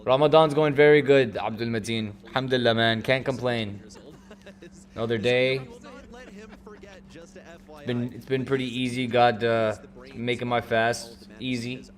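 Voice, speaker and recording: Brief: male streamer, casual chat, playful mock outrage, mid-pitched. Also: steady tone, measured pace, pauses often. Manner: chatty and teasing, with loud bursts of mock outrage. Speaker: streamer hosting a watch party.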